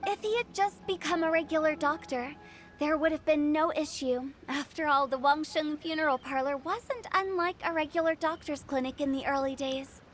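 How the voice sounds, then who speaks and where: A woman's voice: high voice, normal speed, lightly acted. A woman voicing Hu Tao, impish funeral director. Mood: storytelling. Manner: teasing, theatrical, then storytelling. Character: young woman funeral director, playful and mischievous. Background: game music.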